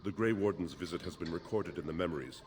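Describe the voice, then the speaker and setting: An actor playing a stern, formal dwarf archivist in a video game, speaking solemnly. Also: male voice, sits low, fast talker, noisy background, natural voice. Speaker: dwarven record keeper in a video game.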